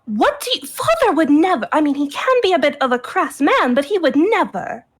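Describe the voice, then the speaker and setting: A woman's voice: sits high, sing-song, a little fast. A woman voicing a proper young female dog from a noble house, scolding and indignant. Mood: worried.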